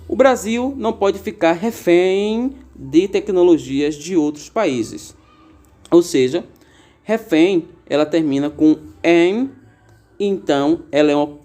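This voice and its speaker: A man teaching a grammar lesson in a patient, explanatory way, slowly stretching out each example word. His voice sits a little high and has a warm, mellow tone. He often pauses with small fillers as he works through each rule. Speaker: Portuguese teacher.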